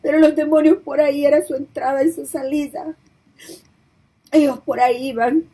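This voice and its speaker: Woman preacher telling her vision, high flat voice, mellow, keeps choking up. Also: moderate pace, low-quality recording. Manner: emotional, voice breaking into tears; repetitive, pleading storytelling. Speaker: preacher giving testimony. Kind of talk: tearful testimony of a vision.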